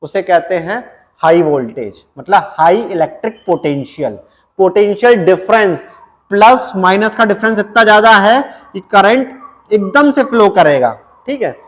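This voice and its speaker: A man teaching an exam-prep science lecture, repeating key points and reading English definitions slowly, word by word. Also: sits high, lively intonation. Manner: repetitive, drilling, frequent "ठीक है" check-ins. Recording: long echo in a reverberant room.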